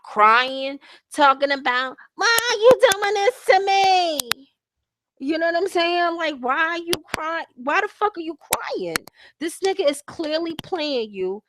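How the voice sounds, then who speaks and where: A woman hosting her own broadcast, recapping a reality show in casual, profane commentary and lecturing her listeners directly. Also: high voice. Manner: blunt, profane, heavy use of slang. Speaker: host reviewing a reality show. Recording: hissy home recording.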